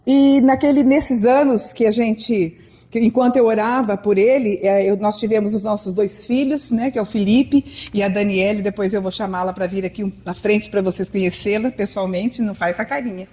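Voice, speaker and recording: A woman's voice: mid-range voice, moderate pace, dark tone. A woman in her sixties with a Brazilian accent, preaching a sermon as a pastor and telling her own life story in a personal, conversational way with quoted dialogue. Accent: Brazilian Portuguese. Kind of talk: sermon testimony.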